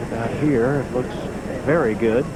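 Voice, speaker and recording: Male golf commentator over loud outdoor noise. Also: medium pitch, moderate pace. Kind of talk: live golf commentary, TV broadcast.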